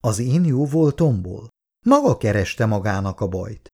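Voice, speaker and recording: An indignant office woman speaks coldly and snaps back in anger, as a male reader puts her on. The voice sits a little higher than his own, with a gravelly edge and lively rises. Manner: cold and furious. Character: indignant, cold female office worker.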